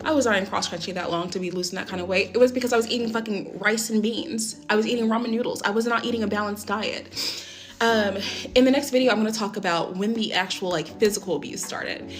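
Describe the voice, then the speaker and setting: A woman's voice: medium pitch, a bit bright. A young woman telling a personal story in a candid, rambling way, with frequent swearing and fillers. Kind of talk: casual storytime.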